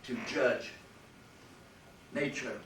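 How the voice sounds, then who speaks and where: Heard from far away in a roomy lecture hall with faint ambience, a man gives a university philosophy lecture, leaning hard on important words. He speaks very slowly in a medium-pitched, slightly bright voice, with a little hiss or hum on the recording.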